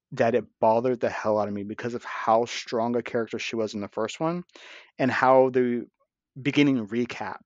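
A man's voice: medium pitch, no room sound. Lisping man with braces, dull recording. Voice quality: lisp from dental braces. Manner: opinionated, casually profane. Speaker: podcast co-host. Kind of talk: casual film review chat.

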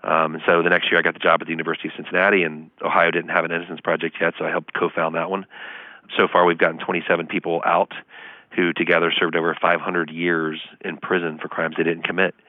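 Fast-talking deep-voiced man on a phone line. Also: little pitch movement, dry recording. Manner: fast, earnest, many fillers. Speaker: law professor, guest. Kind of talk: interview answers over the phone.

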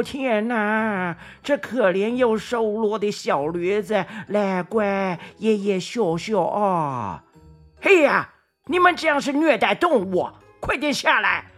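A woman voicing an indignant old man who loudly scolds travellers over their treatment of a donkey. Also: fairly high pitch, lively intonation, slow pace, faint music behind, pitched above the performer's own voice, full character voice. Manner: scolding, exclaiming, loud.

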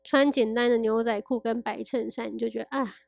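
A woman chatting casually, telling lively anecdotes and laughing often. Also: a little high, brisk, vocal fry, dry recording, studio quality, faint music behind. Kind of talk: casual chat.

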